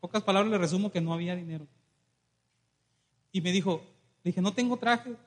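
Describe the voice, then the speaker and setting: A man preaching an animated sermon in a church, calling on the congregation and acting out stories. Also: sits high, fairly quick. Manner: animated, calls congregation to respond, acts out dialogue. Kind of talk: lively sermon with storytelling.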